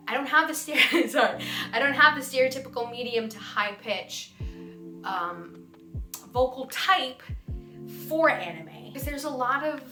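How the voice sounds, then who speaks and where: A young adult voice actor answers fan questions in a casual vlog Q&A, bubbly, giggly and self-deprecating. Her voice is a little high with a sharp tone, and the recording has a roomy echo with music behind it.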